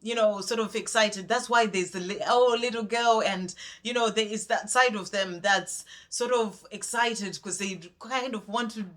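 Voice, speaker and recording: Woman, spiritual card reader, casual vlog chat, rambling, gentle, soft-spoken. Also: mid-range voice, moderate pace, few pauses.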